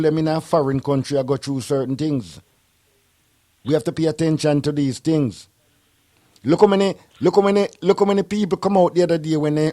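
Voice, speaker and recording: In a radio studio, a Jamaican man with a Jamaican accent hosts a casual talk show, laid-back and rambling, peppering his speech with "you know". His voice is fairly high and mellow, recorded dry at studio quality.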